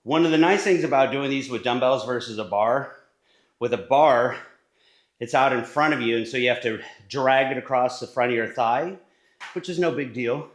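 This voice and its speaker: A man's voice: medium pitch, normal speed. Guy coaching leg day in his home gym, casual and a bit winded, echoey room. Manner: casual, coaching while exercising, sometimes short of breath. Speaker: fitness coach. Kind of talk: workout instruction.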